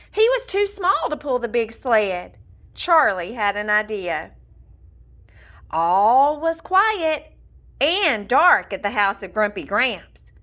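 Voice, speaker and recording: Her voice sits high as she narrates a scripted children's story, reading it aloud in a measured and expressive way.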